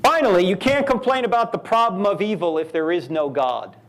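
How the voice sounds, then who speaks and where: A man giving a live lecture at a university. He talks in an animated way, asking rhetorical questions and telling stories. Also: sits high, a little fast. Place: university event hall.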